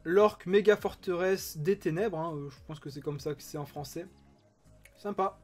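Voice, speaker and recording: A man's voice: fairly high pitch, normal speed, faint music behind. A man chatting enthusiastically as he opens trading card packs, reading card names aloud. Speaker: card-opening YouTuber. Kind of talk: casual unboxing commentary.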